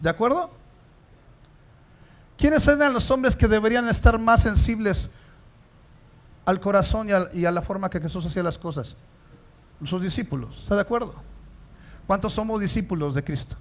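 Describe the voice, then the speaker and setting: A pastor preaching a sermon in church, asking the congregation rhetorical questions and rising to emphatic stresses. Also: male voice, sits high, moderate pace, long pauses.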